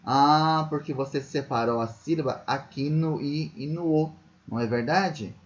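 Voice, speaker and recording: A man's voice: on the high side, measured pace, lo-fi sound. A man teaching primary school children, patiently explaining a workbook exercise with a Brazilian Portuguese accent, often checking in with tag questions.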